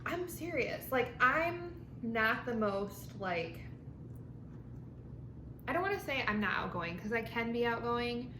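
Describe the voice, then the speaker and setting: A woman's voice: on the high side, big pitch swings, slow. A woman vlogger rambling casually and informally to camera over lunch, with frequent filler words and mild swearing. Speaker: vlog host. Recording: echoey room with clear background noise.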